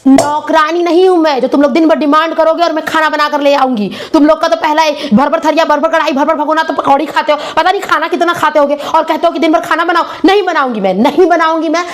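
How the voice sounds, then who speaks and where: A woman playing a brash, loud-mouthed young wife who scolds and defies her husband in a comedy sketch. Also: very high-pitched, little pitch movement, very fast, hardly any pauses, pitched above the performer's own voice. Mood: defiant scolding.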